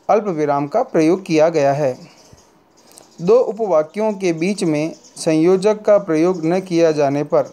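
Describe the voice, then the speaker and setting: A man teaching a grammar lesson to students, speaking deliberately and often repeating or correcting his phrases as he goes. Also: a little high, mellow. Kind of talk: slow Hindi grammar lesson.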